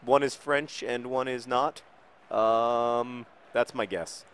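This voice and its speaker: Rambling man shouting at a video game. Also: medium pitch, steady tone, slow pace, smooth. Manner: rambling, self-deprecating, dry jokes, sudden shouts at the game. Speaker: gaming video host answering viewer questions. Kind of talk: casual commentary while playing a football video game.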